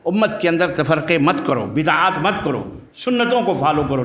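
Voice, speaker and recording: A man's voice: sits high, fairly bright tone. A man, an Islamic scholar, answering audience questions in a blunt, emphatic preaching manner. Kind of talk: religious Q&A talk. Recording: echoey room.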